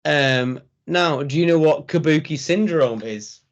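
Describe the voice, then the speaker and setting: A man co-hosting a casual wrestling review, setting up jokes in a slow, deadpan way. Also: fairly high pitch, dull audio. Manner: slow, jokey, deadpan setups. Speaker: podcast co-host.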